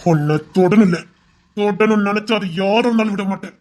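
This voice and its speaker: A man's voice: high voice, fast, darkish tone, natural voice. An actor playing a devoted young man who earnestly reassures the woman he loves. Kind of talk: emotional drama acting.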